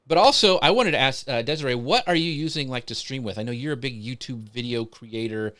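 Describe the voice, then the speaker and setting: A man's voice: medium pitch, a little fast, fairly bright tone. A man hosting a live social media show, upbeat, greeting guests and reading out viewer comments. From United States.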